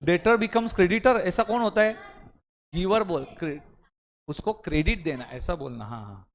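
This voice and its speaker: A man's voice: a little high, big pitch swings, normal speed. A man teaching an accounting class, quizzing and scolding his students, mixing Hindi with Indian-accented English terms. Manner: scolds and quizzes students, calls them beta. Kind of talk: live class lesson.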